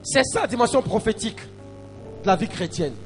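A male pastor preaching a sermon, often repeating and stumbling over words, swinging between quiet explanation and loud calls to the congregation. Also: high voice, expressive, fairly quick, in a large hall, faint music behind. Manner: preaching with call-and-response to the congregation, rising to shouts.

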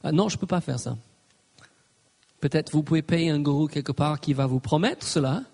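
A man's voice: a little high, moderate pace, creaky, a little mellow. A man preaching a sermon, emphatic, punctuating his points with "Amen" and slipping in English phrases. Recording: reverberant hall.

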